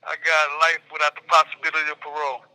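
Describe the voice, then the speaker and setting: A man's voice: a little high, completely flat delivery, quick pace, bright, forceful tone. Man on a tinny prison phone line. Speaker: federal inmate calling from prison. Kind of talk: phone interview answers.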